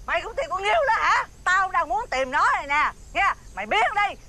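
A woman's voice: extremely high pitch, animated, brisk, very noisy. An actress with a Southern Vietnamese accent playing a cruel, greedy village stepmother in a folk-tale TV drama, screeching scolding and threats. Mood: furious. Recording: loud background music score.

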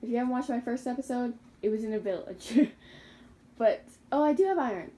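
Poor audio carries a young woman's mellow, fairly high voice, moving a little fast. As a gaming YouTuber, she offers chatty, rambling commentary on her own Minecraft survival session, correcting slips and laughing at herself.

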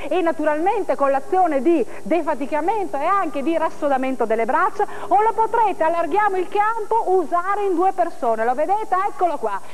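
A woman presenting a television infomercial, pitching insistently and persuasively with plenty of repetition. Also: animated, moderate pace, few pauses, low-quality recording. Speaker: TV shopping presenter. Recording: 1990s local TV broadcast audio.

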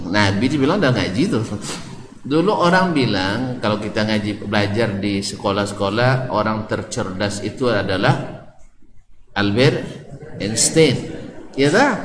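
A man's voice: mid-range voice, a little hiss or hum. A man with an Ocu Malay accent giving an Islamic study lecture, asking the audience questions and joking as he teaches. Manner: lively, jokes with the audience, asks questions. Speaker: preacher. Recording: echoey hall, faint ambience.

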